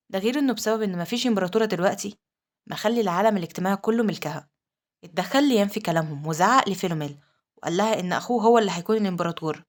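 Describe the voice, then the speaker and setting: A woman with an Egyptian Arabic accent narrates a manhwa recap in a mid-range voice. She moves through the story quickly and reads the quoted lines plainly.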